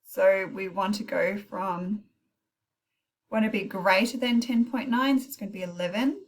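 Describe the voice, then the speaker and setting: A woman's voice: mid-range voice, moderate pace, rough recording. Woman teacher talking through a maths tutorial. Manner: thinks aloud with self-corrections and brief apologies. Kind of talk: informal recorded maths tutorial, talking through calculator steps. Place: recorded while heavy rain pours outside.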